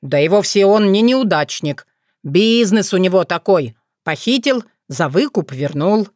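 A woman voicing a gruff young man who answers in low grumbling retorts. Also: animated, a little slow, a little mellow, no echo, clean studio sound, lightly acted.

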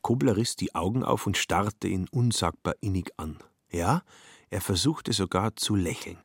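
A man narrating a radio play with measured, vivid storytelling. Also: sits low, animated, creaky, husky, dry recording, studio quality.

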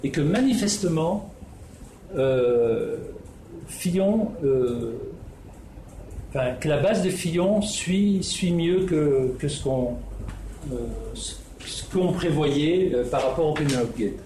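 A man from the Netherlands gives a spoken presentation as a researcher, sounding hesitant with many fillers and restarts. His voice is fairly high, animated and warm, and he takes it slowly. The room is echoey with faint ambience and slight background noise.

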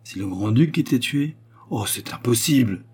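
A man's voice: medium pitch, expressive, normal speed, a little mellow, breathy edge, voice pushed up. A man voicing a young noble grand duchess, earnest and anxious, speaking with a raised, emotional voice. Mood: alarmed.

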